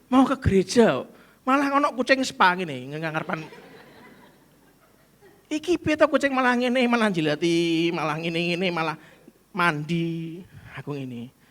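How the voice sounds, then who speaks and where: A pastor with a Central Javanese accent preaching in a church. His voice sits high for a man, and his delivery is lively, with sudden mock-angry bursts and questions put to the congregation. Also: a little slow, long pauses. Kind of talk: sermon.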